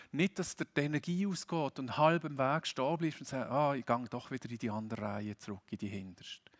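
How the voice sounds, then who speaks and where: A middle-aged man with a Swiss German accent preaching a sermon, earnest and appealing, rising emphatic and dropping soft. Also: mid-range voice.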